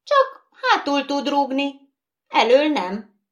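A woman's voice: high voice, very animated, lo-fi sound, pitched above the performer's own voice. A woman voicing a gallant but condescending male bogeyman in a storybook reading, lofty and matter-of-fact.

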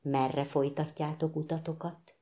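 A woman's voice: deep voice, natural voice. A woman doing a kindly frog prince. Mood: friendly. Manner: calm, hospitable, measured. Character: kindly, self-assured frog prince host.

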